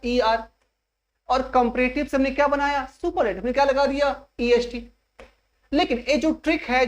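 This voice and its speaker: A woman teaching an English grammar lesson in an exam coaching class. She steps through each point slowly and keeps asking the class rhetorical questions. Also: sits high. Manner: slow and repetitive, spelling out each step.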